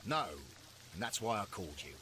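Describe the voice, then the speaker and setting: A proper police inspector in a Victorian detective game. His voice is bright and his intonation lively. He reports crisply and formally. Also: lowish voice, fairly quick, slight background noise. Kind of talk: game voice acting.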